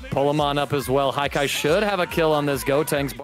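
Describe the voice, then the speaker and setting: Hyped up guy calling a fighting game match, loud game music under him. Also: fairly high pitch, a little fast. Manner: excitable, shouts and jokes. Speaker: esports commentator. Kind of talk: hype play-by-play commentary.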